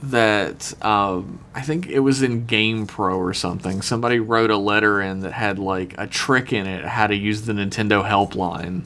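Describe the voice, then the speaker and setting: A man's voice: on the low side, normal speed, few pauses, pushed and bright. A man chatting casually as a podcast co-host, joking and swearing freely. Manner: profane, joking. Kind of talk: casual comedic chat.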